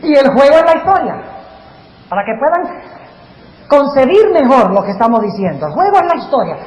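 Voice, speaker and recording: A male pastor preaching a sermon to a live audience in a large hall, animated and quizzing the crowd with questions. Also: extremely high pitch, fairly quick, highs cut off. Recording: echoey hall, faint noise.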